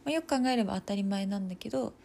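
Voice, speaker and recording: A young woman in her twenties chatting casually on her own, thinking aloud as she goes, with plenty of fillers and the odd soft laugh. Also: medium pitch, very fast, gravelly, slight background noise. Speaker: nursing student podcaster. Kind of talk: casual solo talk.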